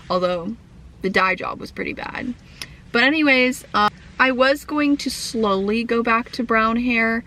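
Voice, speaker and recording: A young adult woman vlogs to camera in a rambling, casual chat packed with fillers. Her medium-pitched, fairly bright voice is croaky from a lingering cough.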